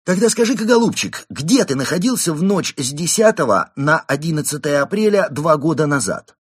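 A man voicing a blustering male moose police inspector who barks accusations and often shouts, with a husky tone. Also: a little high, very animated, brisk, no room sound, studio quality, pitched above the performer's own voice. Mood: bellowing. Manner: barking, raises voice to shout.

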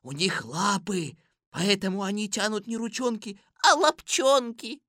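A man voicing an eager young male sidekick who chatters excitedly. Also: a little slow, no room sound, studio quality. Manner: excited, high-pitched chatter. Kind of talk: audiobook character voice.

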